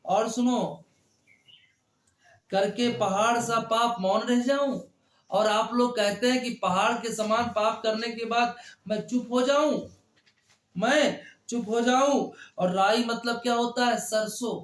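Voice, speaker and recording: A man's voice: extremely high pitch, fairly even intonation, roomy sound. A male teacher explaining a poem line by line, repeating phrases and quizzing the class. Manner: slow and repetitive, quizzing the class. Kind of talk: line-by-line Hindi poetry lesson.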